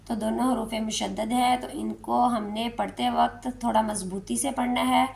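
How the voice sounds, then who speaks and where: Woman teaching quran recitation, kinda high gravelly voice, really slow, chants verses long and drawn out. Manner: explains slowly, then chants verses drawn out. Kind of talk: step-by-step recitation lesson.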